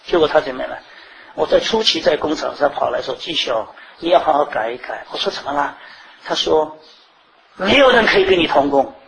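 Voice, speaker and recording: A man preaching a sermon, telling stories from his own life and swinging between loud, high bursts and quiet asides. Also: a little fast, vocal fry, low-quality recording. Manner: animated, rising and falling sharply in pitch and volume.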